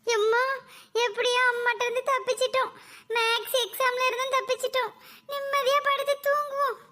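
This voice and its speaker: A woman voicing a little schoolgirl in a comedy cartoon who schemes to skip school, pleading and whining in a drawn-out way. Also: extremely high pitch, flat delivery, sharp tone. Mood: scheming.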